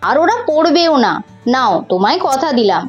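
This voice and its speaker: A gentle, reassuring young uncle speaks in a lower, steady voice, as a woman puts him on. He soothes a worried sister-in-law and coaxes the children along with patience. The storybook recording sounds slightly muffled, with soft music running underneath. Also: normal speed. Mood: soothing.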